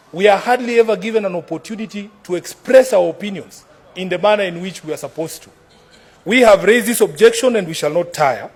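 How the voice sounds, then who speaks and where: A Kenyan man with a high-pitched voice speaks as an opposition senator in formal debate. His delivery is combative and declamatory, built on repeated formal addresses to the chair. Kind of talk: formal parliamentary debate speech.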